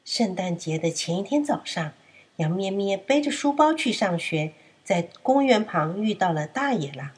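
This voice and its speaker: A woman narrating a children's story in an expressive, sing-song manner. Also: mid-range voice, normal speed, breathy edge.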